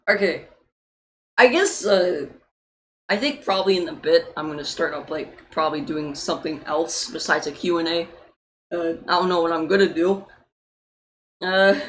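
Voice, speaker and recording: A woman's voice: fairly low pitch, a little hiss or hum, rough recording. A young woman, an indie game developer, chatting loosely in a livestream Q&A with many fillers and casual swearing.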